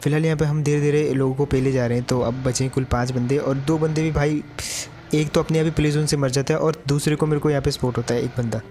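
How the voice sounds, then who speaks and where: A man's voice: fairly high pitch, steady tone, quick pace, dark tone, soft background music. A man giving chatty gameplay commentary to his viewers, calling them brother. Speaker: gaming YouTuber.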